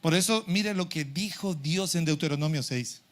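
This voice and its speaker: A middle-aged man preaching a sermon as pastor in a church, animated and acting out his congregation's complaints. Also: fairly high pitch, moderate pace.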